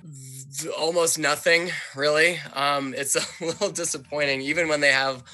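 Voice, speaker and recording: A man's voice: on the high side, steady tone, moderate pace, pushed and bright. A man talking as a podcast guest, chatty and enthusiastic, with lots of fillers. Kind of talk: casual conversation.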